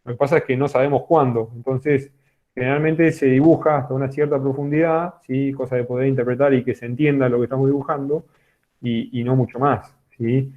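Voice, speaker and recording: A man's voice: medium pitch, fairly even intonation, brisk. A man teaching a geology class online, explaining step by step and checking in often with a questioning "sí". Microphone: computer microphone on a video call. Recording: tinny phone-like online call audio.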